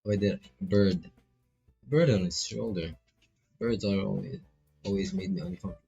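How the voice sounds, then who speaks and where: Low and slightly rough with vocal fry and a dark tone, a Filipino man speaks at a moderate pace. He's a streamer reading a game out loud casually, adding slangy jokes along the way. Faint game music plays under a slightly dull, lo-fi mic recording.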